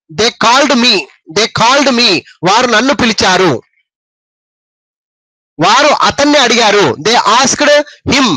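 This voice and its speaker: A man with a high, bright voice and a Telugu accent teaches an English grammar lesson. He talks slowly and repeats himself, often stopping to quiz his listeners. The sound is dry and close. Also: dry recording, low-quality recording. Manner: explains slowly, repeats words and quizzes the listeners.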